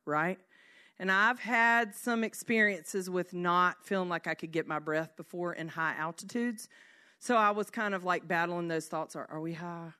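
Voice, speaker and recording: A middle-aged woman, giving a conversational sermon as an animated storyteller who often asks "right?". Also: on the low side. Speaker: speaker at a church service.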